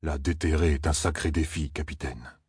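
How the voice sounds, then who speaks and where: A man voicing a ponderous ancient scholarly giant who speaks slowly and quietly, in an audiobook. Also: a bass voice, steady tone, breathy edge, no echo, clean studio sound, full character voice. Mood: musing. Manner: slow and hushed.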